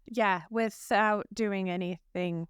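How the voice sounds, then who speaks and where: A woman's voice: mid-range voice, steady tone, slow, smooth, dry recording, clean studio sound. A woman co-hosting a podcast, telling stories in a chatty, laughing way with lots of fillers. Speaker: podcast co-host. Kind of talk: casual podcast chat. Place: abroad in a hotel room or similar.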